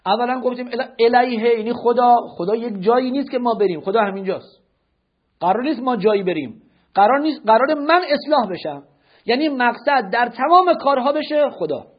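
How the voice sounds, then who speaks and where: A man's voice: extremely high pitch, animated, slightly rough. A man giving a religious lecture, firing rhetorical questions at his listeners and correcting their notes. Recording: dull lo-fi lecture recording.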